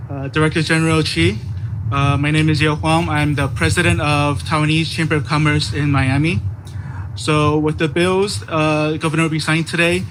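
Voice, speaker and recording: A man gives short unscripted remarks as a business leader, stumbling through fillers and restarts. His voice is a little high. Faint background noise runs under him. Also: a bit bright, poor audio. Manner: hesitant, frequent fillers and restarts. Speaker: business association president.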